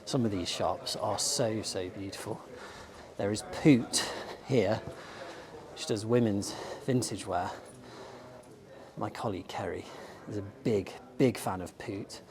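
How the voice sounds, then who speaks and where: This bookshop owner and vlogger from England speaks slowly in a lowish, slightly mellow voice that's going a bit hoarse. Holding his camera as he strolls up a sunny shopping street, he chats enthusiastically through a casual walking-tour vlog, dropping plenty of ums. Faint outdoor street sounds sit behind him.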